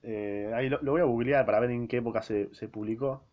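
A man's voice: mid-range voice, a little fast. A man with an Argentine accent casually summarizing a play for his podcast, slangy and rambling, often restarting his sentences. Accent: Argentine Spanish. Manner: slangy, rambling, self-interrupting. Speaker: podcast host. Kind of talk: casual spoken book summary. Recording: dull lo-fi recording.

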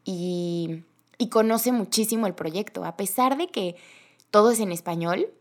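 A young woman with a Mexican accent, talking casually and chattily as a podcast host in a storytelling monologue. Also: mid-range voice. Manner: chatty, animated, quick bursts with laughter.

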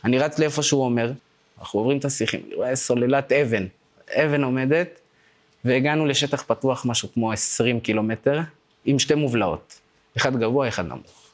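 A man in his twenties giving personal testimony in a casual, slangy way, with broken-off phrases and repeated words. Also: medium pitch. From Israel. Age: 20s.

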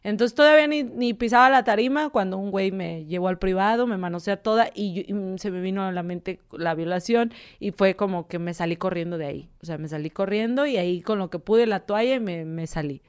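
A woman with a Mexican Spanish accent tells her story in a candid, casual way. Her voice is smooth and clear, and she sits at a middle pitch. She animates her account by acting out the people she quotes. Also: fairly quick, hardly any pauses. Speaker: guest telling her story.

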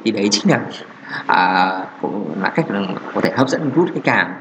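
A man's voice: fairly low pitch, sing-song, normal speed, fairly bright tone, a little hiss or hum. A man hosting a casual solo podcast about marketing. He rambles with many fillers and restarts. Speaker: podcast host.

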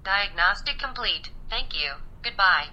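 A woman voicing an automated female diagnostic system, speaking in flat, scripted machine announcements like a program starting up over a phone line. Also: medium pitch, a little slow, slight background noise. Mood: mechanical.

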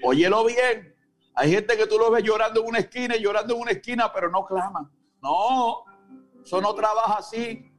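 Male pastor, very high voice, fiery sermon delivery, shouts and call-outs, faint music behind. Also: brisk. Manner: exclamatory, calls out to listeners by name; bursts into shouts.

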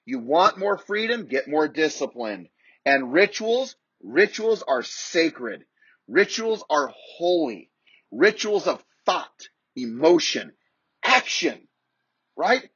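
A man's voice: a little high, big pitch swings, slow, a bit bright, breathy edge, no echo, dull audio. A man coaching real estate agents in an emphatic, repetitive motivational talk.

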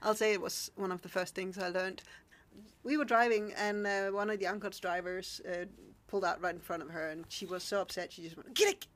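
A woman's voice: medium pitch, fairly even intonation, fairly quick. A woman chatting and telling stories casually in a playful way. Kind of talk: casual storytelling and chat.

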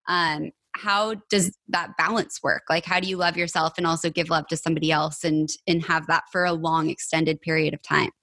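A woman's voice: low-pitched, fairly bright tone, no room sound. A woman hosting a casual interview, chatty with frequent "like" fillers. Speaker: podcast host.

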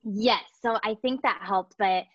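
A woman's voice: medium pitch, unhurried, dull audio, noisy background. A young woman, a photography educator, chatting as a podcast guest from home, upbeat and full of fillers. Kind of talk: casual interview chat.

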